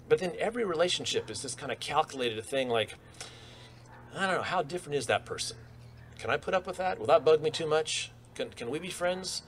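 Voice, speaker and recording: A man's voice: mid-range voice, slight background noise. Middle-aged man preaching outdoors, conversational. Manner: conversational preaching with rhetorical questions and restarts. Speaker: pastor. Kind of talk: sermon. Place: outdoor church courtyard. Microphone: stand mic at lectern.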